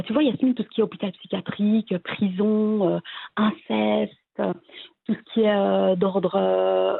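A woman from Belgium, a guest talking casually and hesitantly about her family, with many pauses and restarts. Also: medium pitch, creaky, husky, no room sound. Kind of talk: casual interview conversation. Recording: tinny phone-like line.

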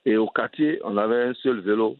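A man's voice: fairly low pitch, normal speed, dry recording. A man with an Ivorian French accent, a cycling advocate answering interview questions earnestly and often restarting his phrases. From Côte d'Ivoire. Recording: dry, tinny phone-line sound.

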